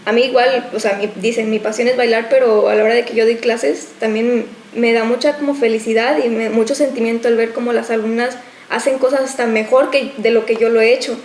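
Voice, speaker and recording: A woman's voice: on the high side, fairly even intonation, brisk, few pauses, darkish tone. A woman, a dance teacher co-hosting a podcast, chatting casually with many fillers. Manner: chatty, full of fillers like "o sea". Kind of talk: casual group chat. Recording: echoey room with faint noise.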